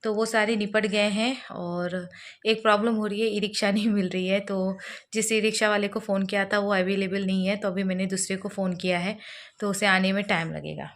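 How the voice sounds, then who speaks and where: A woman's voice: mid-range voice, fairly even intonation, normal speed. A young woman, a mother, chatting straight to her viewers in a casual family vlog, first at home and then at a hospital. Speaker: vlogger, mother.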